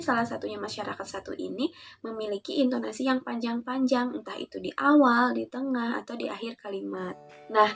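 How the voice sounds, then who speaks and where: A woman's voice: on the high side, vocal fry. Student woman presenting research over music. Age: young adult. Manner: measured, explanatory, with fillers like "nah" and "gitu". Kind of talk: academic presentation.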